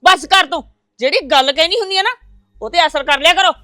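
An actress playing a stubborn mother-in-law who wants a grandson, with a loud scolding Punjabi way of talking. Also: medium pitch, animated, fairly quick, dry recording, studio quality, lightly acted. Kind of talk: village family drama acting.

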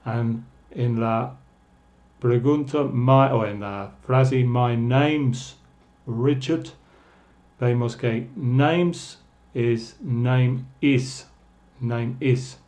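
A man teaching a beginners' English lesson, speaking slowly and carefully and repeating each phrase so learners can copy it. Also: mid-range voice, a little mellow. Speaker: language teacher.

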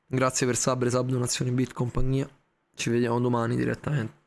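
A young man, streaming a racing game and shouting excited outbursts at his friends. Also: mid-range voice, brisk, creaky. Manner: loud, excitable, swearing outbursts. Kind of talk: live gaming stream. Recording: game music and crowd noise behind.

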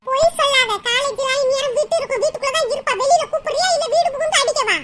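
A blunt, bossy village woman from a cartoon comedy, with a very high, squeaky voice. She mocks and scolds without letting up. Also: quick pace, fairly bright tone. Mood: demanding.

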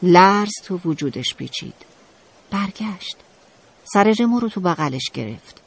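A woman narrating a children's audiobook in an expressive, dramatic storytelling manner. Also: fairly low pitch, gravelly, slightly rough.

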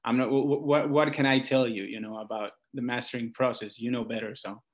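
This Buenos Aires singer-songwriter, a guest musician in a relaxed interview, talks at a brisk clip in a steady, medium-pitched male voice. His manner is informal and story-driven, and "like" and "you know" come up a lot.

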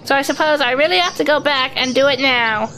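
Woman voicing Piglet, a high, anxious little pig. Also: a little fast, sharp tone, slight background noise, low-quality recording. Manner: hesitant, stammering, making nervous excuses. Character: timid small young male piglet, anxious and excitable. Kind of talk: children's storybook audio drama.

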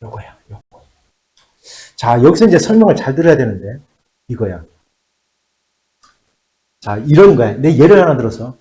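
A man teaching a math class, posing questions to students and answering them himself, stretching key phrases out slowly. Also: medium pitch, sing-song, warm tone, echoey room.

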